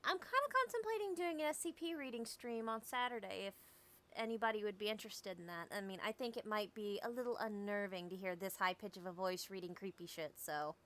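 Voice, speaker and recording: A woman's voice: mid-range voice, fairly quick, a bit bright. A woman hosting a tabletop game stream, chatting casually and playfully with her group. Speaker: stream host and player.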